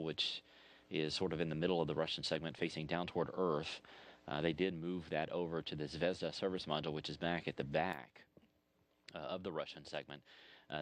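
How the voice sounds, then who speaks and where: A man explaining events in conversational broadcast narration as a mission control commentator. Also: very deep voice.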